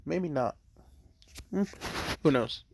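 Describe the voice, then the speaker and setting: A man's voice: a little high, animated, takes it slowly, gravelly, noisy background. A man casually narrating a fan story, rambling with lots of "like," swearing now and then and talking between bites of food. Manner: rambling, lots of "like", swears, talks while eating.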